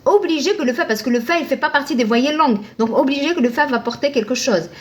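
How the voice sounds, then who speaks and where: High-voiced woman teaching. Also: fast talker. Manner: patient, asks and answers her own questions, thanks viewers by name. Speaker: Arabic reading teacher. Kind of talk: live online lesson.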